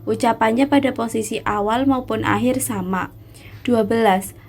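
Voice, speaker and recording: A woman's voice: a little high, normal speed, creaky. A woman reading a phonetics lesson aloud as a numbered, step-by-step recitation. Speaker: student presenter.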